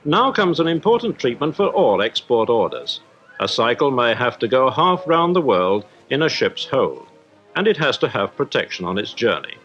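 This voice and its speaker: With big swings in pitch around a medium register, a man with a British accent reads a formal, explanatory script as a 1950s newsreel's industrial correspondent. He talks at a normal speed in a fairly bright tone, over music on a dull-sounding period soundtrack.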